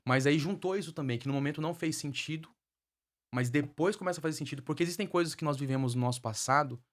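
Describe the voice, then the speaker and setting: A man's voice: fairly high pitch, fast talker. A man, a guest minister, tells his life story as a testimony in a fervent preaching cadence and repeats phrases for emphasis.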